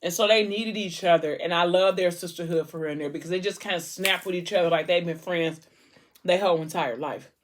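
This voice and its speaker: A woman's voice: fairly low pitch, brisk. A woman vlogger retelling a story in a casual, colloquial, gossipy way with acted-out dialogue.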